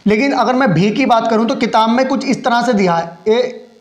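A man's voice: extremely high pitch, moderate pace, roomy sound. A man teaching a shorthand lesson step by step. He asks questions and answers them himself, and he explains each stroke patiently as he writes.

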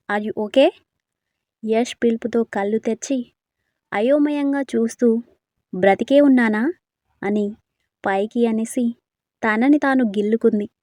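A woman narrating a storybook romance in a steady, unhurried way. Her voice sits a touch high, and the recording is close and dry, with no room sound. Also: dry recording.

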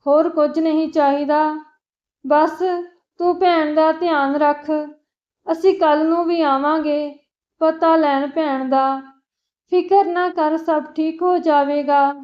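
A woman's voice: high-pitched, fairly even intonation, slow, highs cut off. A woman voicing a caring woman who soothes and reassures a worried man. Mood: reassuring.

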